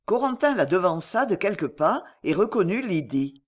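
A woman reads a classic novel aloud as an audiobook narrator. Her delivery is steady yet expressive, with pitch that moves animatedly through each sentence. She sits in a middle register. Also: moderate pace, husky.

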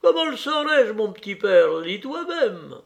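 A man reading aloud and voicing an old female housemaid in a high, drawn-out, homely way. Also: sing-song, gravelly, heavily acted. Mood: fussing. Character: old female housemaid, plain-spoken, fussing.

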